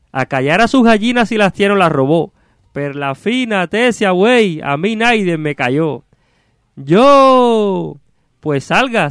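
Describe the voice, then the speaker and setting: A man voicing a hot-tempered rustic man who shouts and curses in a quarrel, recited in rhyming verse. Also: high voice, no room sound, clean studio sound, voice pushed up. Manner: loud, exclamatory verse delivery.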